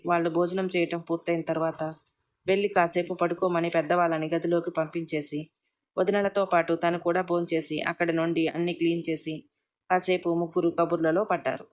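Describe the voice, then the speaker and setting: A woman reads a domestic story aloud at a steady, even pace. Her voice sits low and stays level, with little rise and fall. The delivery is plainly scripted storytelling.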